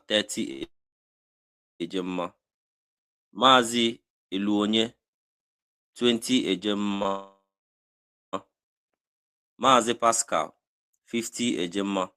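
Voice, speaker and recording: A man's voice: on the low side, sharp tone. A man on a call, politely reporting donations and listing donors. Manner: polite, lists names and sums.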